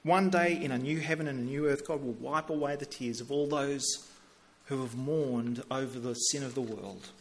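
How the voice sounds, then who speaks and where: A man's voice: mid-range voice, moderate pace. A middle-aged man preaching a sermon in a conversational way, often repeating words as he starts a sentence. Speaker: pastor.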